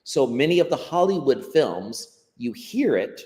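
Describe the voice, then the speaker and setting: A little mellow and medium in pitch, the voice has a sing-song lilt and an unhurried pace. It belongs to a Western-accented man from the United States, a guest teacher explaining his thinking unscripted over video, reflective and prone to repeating words while he collects his thoughts. The sound carries a long, hall-like reverb.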